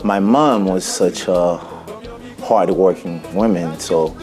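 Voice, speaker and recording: Deep-voiced Haitian man, halting and reflective. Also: over music. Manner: halting, reflective, many restarts. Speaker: musician guest. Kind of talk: interview. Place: TV studio set. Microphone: lapel mic.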